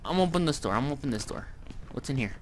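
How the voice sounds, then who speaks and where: A man's voice: mid-range voice, lively intonation, fast. A young man giving let's-play commentary on a horror game, jumpy and swearing, with nervous laughs. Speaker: gamer playing a horror game. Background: game music.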